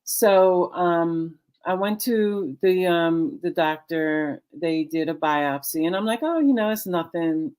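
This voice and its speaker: A woman in her late sixties, a guest on a video chat, tells her story slowly, with frequent ums and pauses. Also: lowish voice, animated, a little mellow. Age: 60s. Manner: unhurried, halting with many ums. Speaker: guest, author and cancer survivor. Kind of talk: casual chat, personal testimony. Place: video call.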